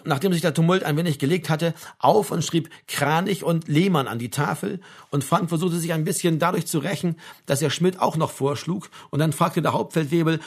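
Husky-voiced man reading an audiobook. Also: on the high side. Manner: steady storytelling. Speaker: audiobook reader. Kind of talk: audiobook narration.

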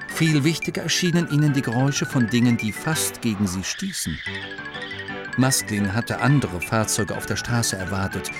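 A man narrating an audiobook in a lively, expressive reading voice. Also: on the low side.

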